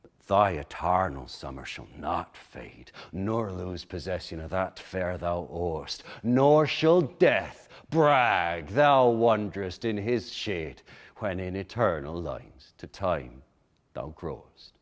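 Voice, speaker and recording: A man reciting poetry in Shakespearean English with a reconstructed original pronunciation, in a measured, expressive, declaiming manner. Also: sits low.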